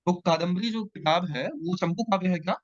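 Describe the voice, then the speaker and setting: Here a man with a high voice, talking at normal speed, leads an online exam-prep class in a playful, lively manner and often checks on his students. There's no room sound, and the audio is dull, lo-fi and dry.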